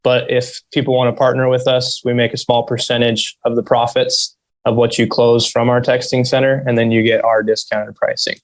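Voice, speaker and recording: Male interview guest, soft flat voice, mid-pitched, very little inflection, understated. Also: moderate pace. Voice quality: soft, quiet, monotone voice. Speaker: interview guest, solar business owner. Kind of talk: interview conversation.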